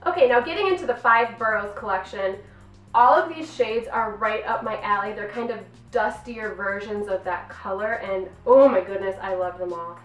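A woman's voice: mid-range voice, moderate pace. Female host, 30s, upbeat review vlog; echoey room, distant mic. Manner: bubbly and gushing. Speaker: nail polish reviewer. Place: home filming room. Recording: roomy, distant mic, faint music.

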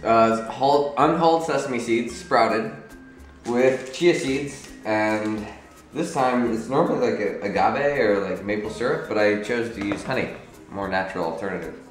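A man's voice: lowish voice, moderate pace. A man hosting a food vlog, chatting casually to the camera and laughing often. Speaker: vlog host. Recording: echoey room with faint music.

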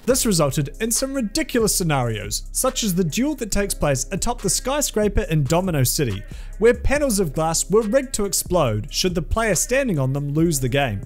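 A young video essay host delivers scripted commentary full of sarcastic, crude humour at normal speed, his high voice swinging widely in pitch and staying lively throughout. His studio-recorded voice sits over faint background music.

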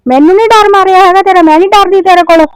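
Woman as a loud, high-voiced bossy village wife. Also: very fast, dry recording, rough recording. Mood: scolding. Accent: Punjabi. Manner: scolding, bossy. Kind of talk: comedy skit.

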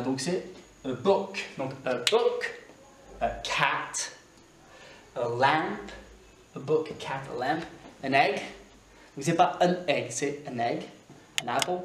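A man's voice: mid-range voice, echoey room, slight background noise. Man teaching English grammar casually. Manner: casual, repeats example words slowly, thinks aloud with fillers. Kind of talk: explaining grammar to learners.

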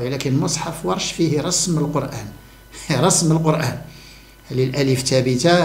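Fast-talking man, emphatic. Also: on the high side, darkish tone, echoey room. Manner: emphatic, repeats key words for stress. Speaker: religious commentator. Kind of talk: monologue to camera on the Quran.

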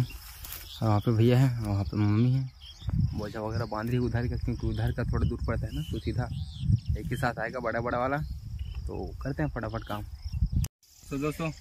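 Speaking at a medium pitch, a young adult holds his phone at arm's length to vlog through the countryside's fields and village lanes. He is chatty and talks to his viewers as friends and brothers. The recording is very noisy.

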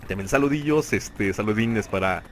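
A young man with a Mexican Spanish accent giving excitable play-by-play commentary on a shooter game, talking to himself and laughing often. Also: on the low side, normal speed. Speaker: gaming channel host. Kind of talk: live gameplay commentary. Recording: noisy game audio behind voice. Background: gunfire and game sounds.

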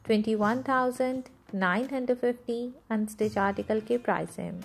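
A woman presenting a clothing collection, going through each piece's fabrics, trims and price in a steady, itemized way. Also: a little high, moderate pace, gravelly. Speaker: fashion product presenter. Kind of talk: product walkthrough.

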